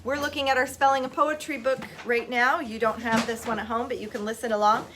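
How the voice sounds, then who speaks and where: A schoolteacher with a high, bright voice runs a phonics lesson in her classroom. She moves briskly between instructions and reads verse slowly with a sing-song lilt. A faint hiss of background noise sits under the recording. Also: fairly even intonation. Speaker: teacher.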